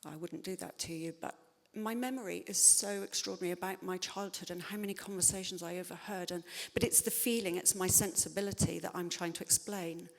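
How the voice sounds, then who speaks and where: In a spontaneous public Q&A, a woman writer responds to audience questions thoughtfully and hesitantly, with lots of fillers and restarts. Her voice is fairly low, steady, brisk and gravelly, and a long reverb tail trails behind it.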